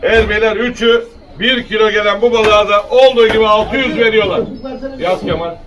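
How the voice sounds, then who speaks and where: A man's voice: high-pitched, fairly even intonation, brisk, lo-fi sound, background noise. A man working as an auctioneer, calling out lots, weights and bids in repetitive patter. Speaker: fish auctioneer. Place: busy fish auction hall. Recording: distant mic amid crowd chatter. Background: crowd of buyers.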